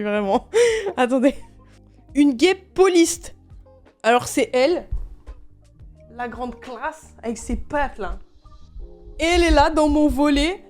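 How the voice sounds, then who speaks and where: A young woman with a high voice tells stories on a gaming stream. She is animated and exasperated, swears freely and often breaks into laughter. Faint music plays under her voice. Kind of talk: casual storytelling while gaming.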